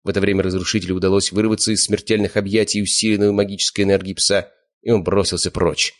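A man narrating an audiobook in the first person, steady and smug. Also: low-pitched, quick pace. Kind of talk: scripted narration.

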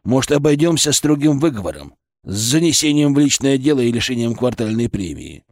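A man's voice: medium pitch, very animated, a little fast, a little mellow, no room sound, clean studio sound. A man voicing a sarcastic, nervous, middle-aged male department head who grumbles about his boss. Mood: uncertain.

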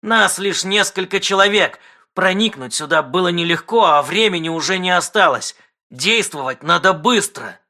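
A man doing a hoarse urgent rebel. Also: high voice, expressive, normal speed, sharp tone, pitched above the performer's own voice, exaggerated voice.

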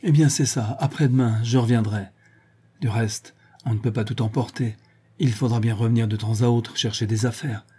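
A man doing an excited breathless sailor. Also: mid-range voice, normal speed, husky. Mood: hurried. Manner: agitated, excited, raised voice. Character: breathless tipsy old sailor.

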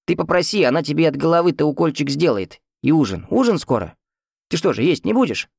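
A fussy, folksy old man chatters away from his hospital bed, as a male narrator puts him on. The voice sits well above the reader's own and keeps a gravelly edge. The recording is dry and close. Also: fairly high pitch, animated, fairly quick, a little mellow, no room sound, pitched above the performer's own voice, heavily acted. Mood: chatty.

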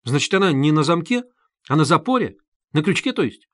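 A man's voice: a little high, brisk, dry recording, studio quality. Man doing a ringing, eager young man. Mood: eager urgent. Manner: ringing, lively, urgent. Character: eager, sharp young man, quick-witted.

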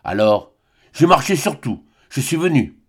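A male audiobook reader voicing a weary young man, a former priest, speaking in a calm, even, subdued voice. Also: medium pitch, measured pace, husky, heavily acted. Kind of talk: audiobook character reading.

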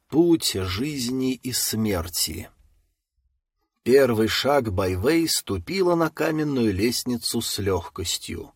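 Male narrator, husky voice, lively intonation, dry close recording. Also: medium pitch, no room sound. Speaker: audiobook narrator. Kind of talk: scripted narration.

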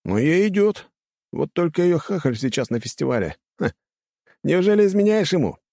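Brief: narrator's lifted, mocking voice for a cocky rich student, dry close sound. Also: male voice, on the high side, sing-song, normal speed, creaky, a little mellow, no echo, voice pushed up, heavily acted. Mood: sneering. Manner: sneering and mocking. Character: young male aristocrat student, arrogant bully.

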